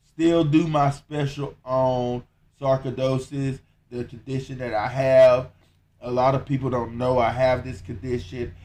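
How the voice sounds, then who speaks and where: A man with a Southern accent hosting a solo podcast update, talking in a slow, measured monotone with frequent pauses and fillers. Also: mid-range voice. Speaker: podcast host.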